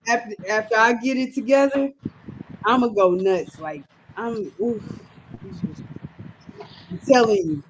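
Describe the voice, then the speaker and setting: A woman's voice: a little high, measured pace, pauses often, slight background noise, low-quality recording. A woman in her thirties chatting casually on a sports show, ranting with emphatic repetition. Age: 30s.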